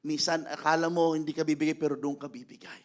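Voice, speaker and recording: A man preaching to a church congregation in a lively, mixed Filipino-English sermon. His voice sits high for a man. He swings between soft, measured storytelling and sudden shouts, and he acts out the quotes he tells. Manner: animated, shouting, laughing, acting out quotes.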